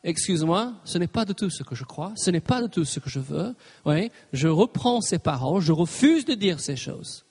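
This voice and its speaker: A man's voice: high voice, very animated, moderate pace, darkish tone, husky. A man preaching a sermon, emphatic, punctuating his points with "Amen" and slipping in English phrases. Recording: reverberant hall.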